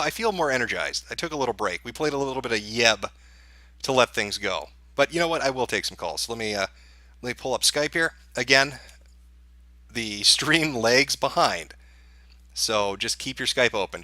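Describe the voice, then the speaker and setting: A man's voice: medium pitch, animated, normal speed, pushed and bright, dry recording. A man hosting a live election-night stream, chatting casually and reacting with sarcasm and profanity. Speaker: livestream host.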